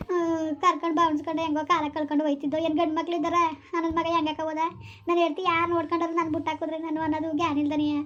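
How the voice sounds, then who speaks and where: A lamenting village wife in a homemade comedy skit, played by a woman. Her voice sits very high and pours out quickly in a flat, wailing run. She complains on and on about being left behind. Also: highs cut off, slight background noise. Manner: wailing complaint in a fast village sing-song. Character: village wife whose husband has run off.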